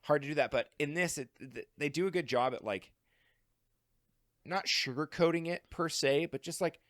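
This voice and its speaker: A man co-hosting a film podcast, talking in a rambling, animated way with lots of fillers and laughs. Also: on the high side, moderate pace, dry recording, studio quality. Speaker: podcast co-host. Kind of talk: casual film discussion.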